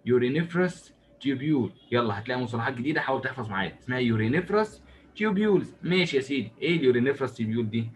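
Rapid-fire Egyptian man lecturing. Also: mid-range voice, slight background noise. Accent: Egyptian Arabic. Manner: asks and answers his own questions in a lively, joking way. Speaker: medicine lecturer. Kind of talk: recorded lecture explaining while drawing.

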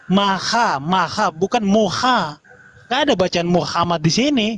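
A man in a heated online debate, lecturing combatively and spelling out words slowly to make his point. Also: high-pitched, animated, a bit bright.

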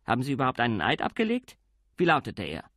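A man doing a gruff, wry police commander. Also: mid-range voice, wildly swooping pitch, fast, fairly bright tone, no echo. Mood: stern. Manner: dry, stern, lecturing. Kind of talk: audiobook character voice.

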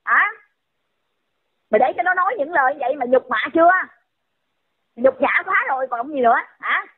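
A woman's voice: high-pitched, expressive, moderate pace. A woman, scolding someone in a heated rant and firing off repeated insulting questions. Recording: tinny phone-line audio.

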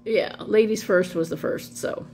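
A middle-aged woman with a medium-pitched, slightly mellow voice speaks a little slowly, vlogging from a small room at home. She does dramatic readings but rambles casually with wry amusement, drifting into asides, while a clearly audible hum runs in the background.

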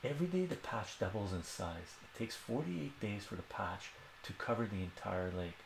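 Standing at a whiteboard in a small, bookshelf-filled room at home, an Iranian math streamer in middle age works through a problem live, relaxed and talkative. He repeats himself and keeps asking "right?" after each step, in a deep, gravelly voice at moderate pace. The webcam mic picks up ringing echo and a faint hum.

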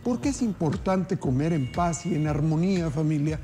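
Upbeat TV cooking host, mellow voice. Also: male voice, fairly high pitch, expressive, normal speed, a little hiss or hum. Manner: upbeat, folksy, addresses viewers as family. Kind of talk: TV cooking segment, addressing viewers. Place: TV studio kitchen set. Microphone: lapel mic.

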